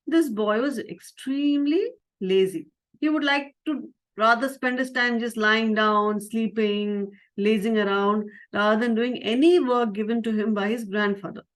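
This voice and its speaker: A woman, a spiritual teacher telling a moral story to children, gentle and questioning with many fillers. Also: medium pitch.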